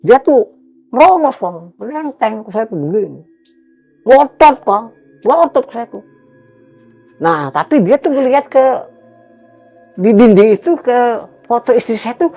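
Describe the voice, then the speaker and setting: A man telling a host about his own experience, emphatic and dramatic, jumping between loud outbursts and hushed murmurs. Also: high-pitched. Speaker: guest recounting a personal experience. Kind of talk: animated storytelling to a host.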